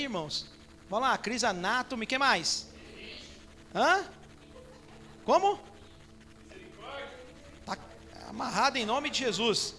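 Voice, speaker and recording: Brazilian guy preaching, really high voice, slangy and joking with the crowd, faint music behind. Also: bright, forceful tone. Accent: Brazilian Portuguese. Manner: casual and slangy, bantering with the congregation. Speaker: church elder preaching. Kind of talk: informal live sermon. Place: church during a Sunday service.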